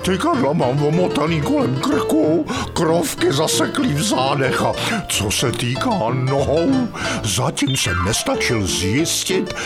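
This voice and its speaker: A man's voice: a little high, huge pitch swings, over loud music. A man voicing a boastful, whiny male dung beetle husband in an audio fairy tale. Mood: complaining. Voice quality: complaining, bragging.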